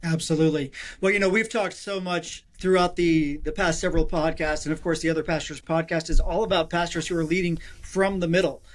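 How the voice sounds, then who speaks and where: A man hosting a podcast, asking questions in a relaxed, supportive way. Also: a little high, a little fast, hardly any pauses. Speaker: podcast host. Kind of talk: casual podcast conversation.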